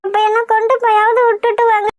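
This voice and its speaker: A woman's voice: very high-pitched, little pitch movement, quick pace, no echo. A woman voicing a frightened, injured young woman in a cartoon, pleading through tears. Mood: pleading, tearful. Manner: pleading, tearful. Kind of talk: cartoon voice acting.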